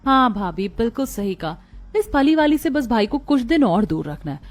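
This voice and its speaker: A woman's voice: a little high, very animated, moderate pace, soft background music. A woman voicing a spoiled, snobbish young sister who mocks. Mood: mocking. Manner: mocking.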